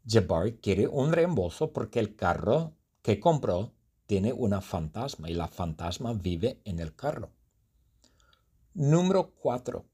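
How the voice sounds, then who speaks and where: A man telling a simple story slowly for learners and quizzing them with clear, deliberate questions. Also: on the low side, darkish tone. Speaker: language teacher.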